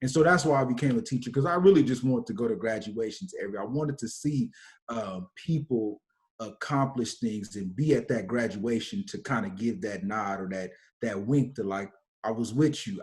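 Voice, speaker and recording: A man's voice: mid-range voice, moderate pace. A male teacher on a video call panel, talking casually with lots of "like" and "you know". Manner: relaxed, many fillers like "like" and "you know".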